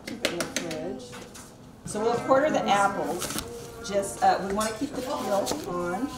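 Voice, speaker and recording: A woman's voice: medium pitch, animated, measured pace, very noisy. Folksy American woman demonstrating cooking, echoey room. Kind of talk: informal live cooking demonstration. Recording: echoey room, distant mic, loud kitchen clatter.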